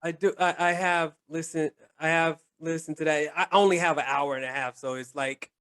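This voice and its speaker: A man co-hosting a casual podcast chat, halting and repeating words, laughing often. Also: fairly high pitch, fairly even intonation, fairly bright tone, smooth. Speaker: podcast co-host.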